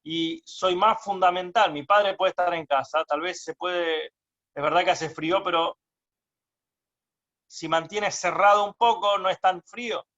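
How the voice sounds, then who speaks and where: A man's voice: high-pitched, pushed and bright. A man voicing a hardworking young son who argues insistently. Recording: dull lo-fi recording.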